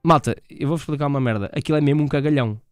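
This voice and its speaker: A young Portuguese man hosts his live stream with a high, bright voice, loud and quick to swear as he reacts to clips. His European Portuguese accent is plain. He speaks close to the mic in a dry, dead room with no echo. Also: smooth, faint music behind. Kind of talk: casual live-stream chat.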